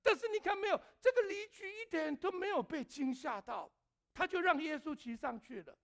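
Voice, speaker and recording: A middle-aged male pastor preaching a sermon, telling personal stories with animation, acting out his own shouts and asking the congregation questions. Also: very high-pitched, lively intonation, moderate pace, creaky.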